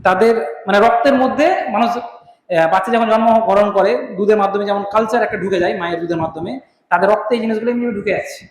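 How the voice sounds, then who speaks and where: Male teacher, high-pitched, questioning class-lesson delivery; echoey hall sound. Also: fast talker. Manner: questioning, rhetorical, addresses students directly. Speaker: Islamic teacher. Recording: echoey hall with long reverb.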